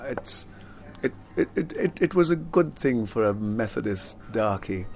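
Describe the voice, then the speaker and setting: An older man who grew up in London after being born in Jamaica, an actor and singer reminiscing in a relaxed interview, rambling and repeating words, often laughing. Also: mid-range voice, unhurried, vocal fry, soft background music.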